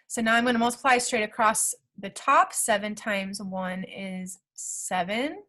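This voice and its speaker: A woman's voice: medium pitch, pushed and bright. A woman teacher talking through math problem steps aloud in a recorded lesson, checking in with the class as she goes.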